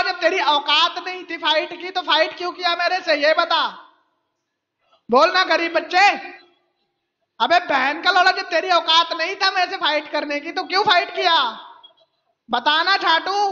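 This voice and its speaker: A man's voice: very high voice, steady tone, unhurried, long pauses, sharp tone, in a large hall, muffled recording. A male caller hurling jeering, repetitive taunts in an abusive voice-call insult battle.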